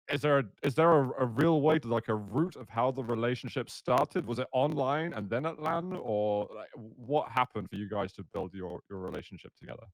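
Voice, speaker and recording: A man in his thirties hosts a casual podcast. His voice sits low and sounds dry and close, and he talks in a friendly way, steering the talk with one question after another. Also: creaky, dry recording. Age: 30s. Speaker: podcast host. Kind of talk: casual interview hosting.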